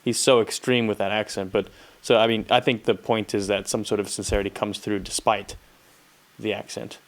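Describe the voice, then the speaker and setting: A man co-hosting a casual studio podcast, dropping quick, joking interjections. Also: lowish voice, little pitch movement. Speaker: podcast co-host.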